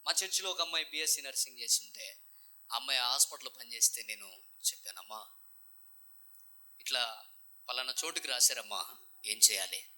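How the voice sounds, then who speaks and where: A man preaching a testimony at a revival meeting, moving from hushed whispers to loud, impassioned calls. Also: medium pitch, fairly quick, pauses often. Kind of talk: sermon testimony. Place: church revival meeting, over speakers.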